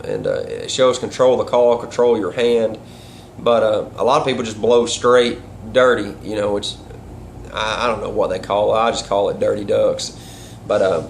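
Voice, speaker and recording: Folksy guy rambling through a casual tutorial, loose grammar, medium pitch, some noise in the background. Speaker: duck calling instructor and caller. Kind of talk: casual instructional vlog talk.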